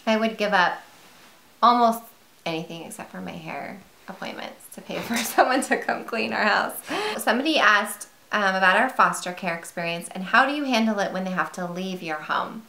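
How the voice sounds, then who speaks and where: A woman's voice: medium pitch, normal speed, gravelly, bright, forceful tone, slight background noise. A woman vlogger chatting casually to camera at home, rambling a little with fillers. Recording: roomy echo.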